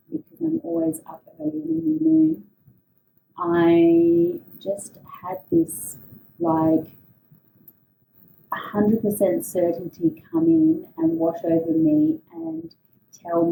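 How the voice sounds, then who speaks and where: A woman giving an unscripted personal monologue in a hesitant, reflective way, often pausing mid-phrase. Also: sits high, gravelly, warm tone. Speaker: podcast host telling a personal story. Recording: roomy echo, distant mic, faint noise.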